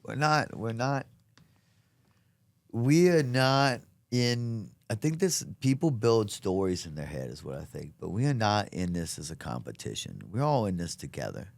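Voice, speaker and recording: A man's voice: on the low side, very animated, unhurried, vocal fry, no echo. A man chatting casually as an interview guest, earnest and emphatic, with plenty of slang. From south Louisiana, United States. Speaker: comedian being interviewed. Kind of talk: casual chat.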